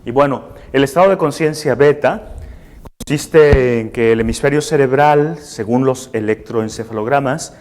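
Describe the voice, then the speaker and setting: A man lectures live to a seated class, explaining step by step and checking agreement with short tag questions. His medium-pitched voice is slightly mellow at normal speed, with a little background noise.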